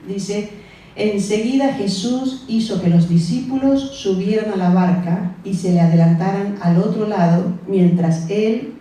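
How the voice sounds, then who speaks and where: A woman's voice: mid-range voice, dark tone, recorded from a distance. Woman preaching in an echoey church hall. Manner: conversational, acts out the disciples' voices, asks the congregation questions. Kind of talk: sermon.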